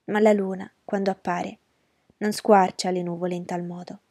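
A woman narrating in the first person as the heroine of a radio drama, measured and emotional. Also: lowish voice, level tone, dark tone, dry recording, studio quality.

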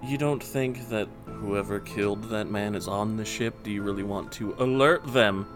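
A man's voice: fairly low pitch, normal speed, music in the background, natural voice. A man voicing a stern, suspicious male adventurer who talks in a clipped, scornful way.

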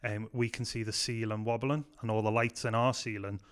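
Talking fairly quickly in a smooth, lowish voice, a Scouse-accented youth pastor from Liverpool, England, shares lively stories during a casual podcast chat, saying "um" a lot along the way.

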